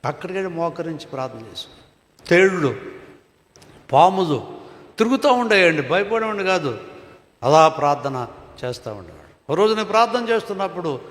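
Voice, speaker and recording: A man, preaching a sermon and telling his own testimony, swinging between loud calls and quiet asides. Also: high voice. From Andhra Pradesh, India. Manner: storytelling, rises and falls between loud and quiet. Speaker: pastor. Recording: echoey hall with long reverb.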